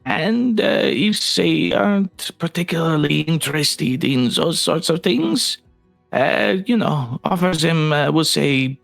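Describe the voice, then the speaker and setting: A fussy, folksy guild leader rambles through instructions full of hesitations, as a man plays him at a raised pitch. The voice has a gravelly edge. Soft music plays underneath. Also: lively intonation, measured pace. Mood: conspiratorial.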